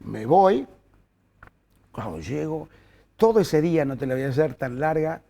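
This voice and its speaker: This older Argentine journalist from Córdoba has a fairly high, creaky voice and speaks a little slowly. As an interview guest, he lively recounts episodes from his working life, often stumbling over fillers and starting sentences again.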